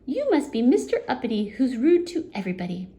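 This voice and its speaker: Woman voicing a teasing storybook goblin, squeaky and lively, quick delivery. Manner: high, gleeful, quick. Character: cheeky little male goblin, teasing.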